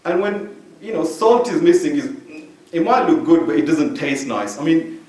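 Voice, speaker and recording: A man from Belgium gives a conversational sermon in a mosque hall, padding his talk with "you know" as he goes. His voice sits on the high side. He stands back from a stand mic, so the sound is distant and swims in heavy room echo. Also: expressive, moderate pace, darkish tone. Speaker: religious speaker. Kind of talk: informal sermon.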